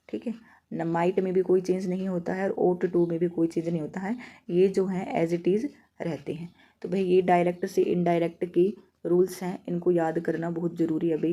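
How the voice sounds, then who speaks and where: A woman with a Haryanvi Hindi accent teaching an exam-prep grammar lesson. She explains each rule step by step, asks questions and answers them herself, and reads example sentences slowly. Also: on the low side, mellow.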